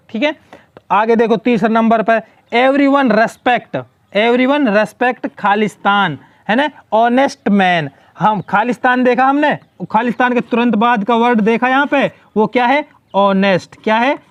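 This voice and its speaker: High-pitched man teaching grammar. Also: no echo. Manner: asks questions and answers them himself, repeating key words. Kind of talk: explaining English grammar in Hindi.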